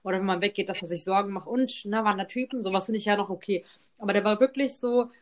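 A woman podcast co-host telling a personal story in casual chat, tagging her sentences with quick questions to her partner. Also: medium pitch. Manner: chatty, peppers talk with "ne?" tag questions.

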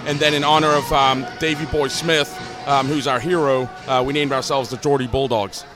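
A man's voice: mid-range voice, fairly even intonation, normal speed. A man from Newcastle, England, a professional wrestler, answering interview questions casually with many fillers. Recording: loud music and crowd behind.

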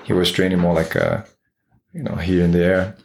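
A man's voice: low-pitched, huge pitch swings, normal speed, creaky, darkish tone, a little hiss or hum. A Brazilian man in his forties with a Brazilian Portuguese accent, speaking as an interview guest, with many fillers and restarts. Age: 40s. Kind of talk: casual interview.

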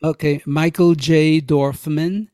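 A man's voice: fairly high pitch, fairly even intonation, slow pace, a little mellow, no echo, clean studio sound. An older man with a Brooklyn accent talking casually and ramblingly as a guest in an interview. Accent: Brooklyn, New York. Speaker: podcast guest, health writer and vegan advocate.

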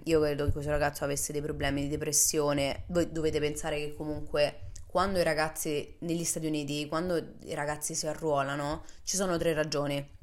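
A young woman vlogger telling a personal story casually, acting out the voices in it. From Italy. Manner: animated, acts out dialogue with big pitch jumps.

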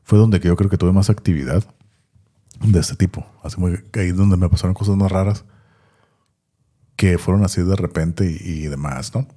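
A man tells a long personal story in relaxed podcast chat. His voice is very low and dark with a husky edge, and he talks fast. He repeats words and keeps tagging his sentences with little questions. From Tijuana, Mexico. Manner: rambling, repeats words, many tag questions. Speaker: podcast co-host.

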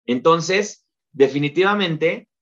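Mexican man, podcast guest, animated storyteller, slightly dull lo-fi sound. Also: fairly high pitch, takes it slowly, loud music behind the voice. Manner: lively storyteller, many fillers like "este". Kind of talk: casual interview chat.

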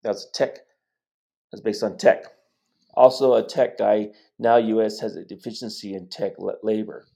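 The host is an American man in his sixties who runs a casual interview and tells long, rambling stories, often restarting his sentences. His lowish voice is gravelly and mellow, at a normal speed.

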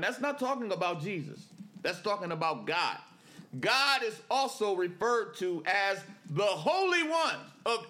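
A man preaching a class-style exhortation, emphatic, repeating lines for stress and using street-style vernacular. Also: bright, forceful tone. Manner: emphatic, repeats lines for stress, swings from low murmurs to raised calls. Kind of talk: exhortation sermon.

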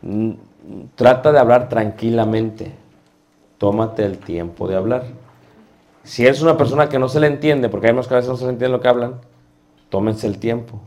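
A man's voice: mid-range voice, normal speed, darkish tone. A middle-aged man teaching a class on preaching, asking the students rhetorical questions. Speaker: homiletics teacher.

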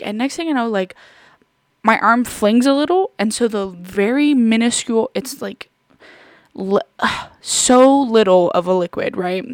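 A woman's voice: fairly high pitch, no echo. A young woman hosting a podcast in a casual, rambling chat full of fillers and giggles. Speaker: podcast host.

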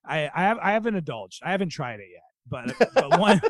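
A man's voice: high-pitched, big pitch swings, normal speed, crowd noise. Laughing, stammering American man. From United States. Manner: laughs often, stammers, playful reactions. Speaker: podcast co-host. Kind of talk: casual chat.

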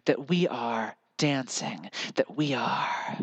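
Alone at the mic for a reflective solo episode, an American podcaster muses earnestly and keeps drifting into lyrical repetition. The voice sits at a medium pitch, moves slowly, carries a breathy edge, and has no echo.

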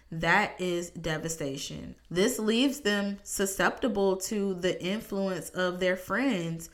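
A woman giving an earnest, measured talk on parenting, speaking with emphasis and deliberate pauses. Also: on the low side.

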